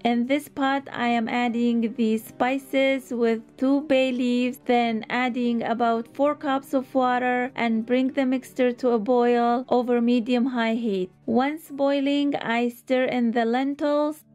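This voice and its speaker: A woman host calmly narrating recipe steps in a voice-over, with slightly non-native phrasing. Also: a little high, takes it slowly, hardly any pauses. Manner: calm, step-by-step instructional. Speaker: cooking channel host. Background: soft background music.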